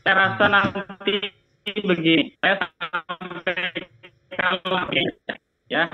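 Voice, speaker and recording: A man, a religious teacher, answering questions in an online meeting, speaking haltingly over a crackly line that keeps cutting out. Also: high-pitched, level tone. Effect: crackly phone-like line that keeps cutting out. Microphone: video call. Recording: tinny, breaking-up phone-like call audio.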